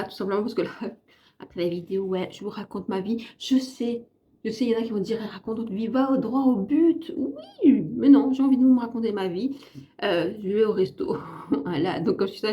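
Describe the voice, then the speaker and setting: A woman's voice: mid-range voice, darkish tone. A French woman vlogging a casual makeup and perfume review, chatty and rambling, often correcting herself. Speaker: beauty vlogger.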